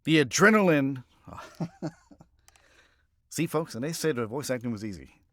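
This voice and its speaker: A man's voice: medium pitch, lively intonation, normal speed, darkish tone. A man voice actor in a recording booth, reading first-person narration takes and muttering to himself between them, often starting lines over. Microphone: studio microphone.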